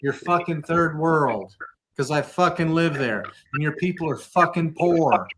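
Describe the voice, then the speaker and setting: A man's voice: fairly high pitch, measured pace, background noise. A man co-hosting a live show, ranting in a casual, heavily profane way. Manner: ranting, swears constantly. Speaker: co-host of a live variety show.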